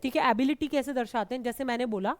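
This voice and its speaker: Indian woman grammar teacher, high-pitched, patient explainer, dry recording. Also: fast, dry recording. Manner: explains patiently, calls students "beta"; repeats and checks with "theek hai". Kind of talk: classroom grammar lesson.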